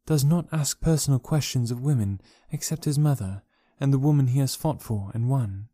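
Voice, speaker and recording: Dejah Thoris, a soft-spoken princess, as a man reads her. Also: medium pitch, no echo, lightly acted. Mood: dignified. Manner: soft, quiet and measured. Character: gentle, dignified young Martian princess.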